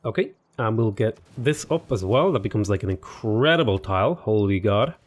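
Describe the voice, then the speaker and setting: Sniffly and slightly under the weather, this male gaming YouTuber rambles through casual let's play commentary on a strategy game, thinking aloud and addressing his game units. His pitch is fairly low, his delivery expressive, and his speed normal.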